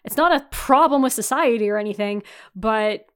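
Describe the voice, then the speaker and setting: Woman, 30s, podcast host, high-ish voice, enthusiastic, casual chat, filler-heavy. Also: moderate pace, a bit bright, clear, resonant tone. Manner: enthusiastic, swears casually, lots of "like".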